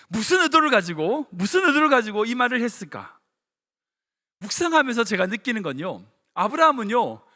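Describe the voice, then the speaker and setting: Korean-church pastor type: high, bright male voice, lively storytelling sermon, big reverberant sanctuary. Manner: animated storytelling, acting out dialogue. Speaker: senior pastor. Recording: long reverb of a church hall.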